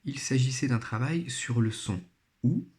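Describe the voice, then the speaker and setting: A man's voice: medium pitch, unhurried, a little mellow. A man teaching a primary phonics lesson, speaking patiently and spelling out each sound and syllable carefully. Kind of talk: recorded remote phonics lesson.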